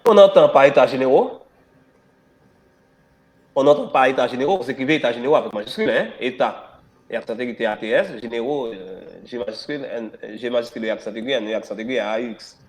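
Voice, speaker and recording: A man teaches history in a classroom, hoarse from a cold, dictating slowly, repeating phrases and spelling words out letter by letter. His voice is mid-range, and he uses emphatic rising stresses and rhetorical questions.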